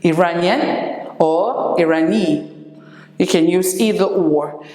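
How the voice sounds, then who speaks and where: Slow, low-voiced woman teaching English. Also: warm tone, soft background music. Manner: slow, repeats each word for drilling. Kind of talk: classroom lesson. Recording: echoey room with long reverb.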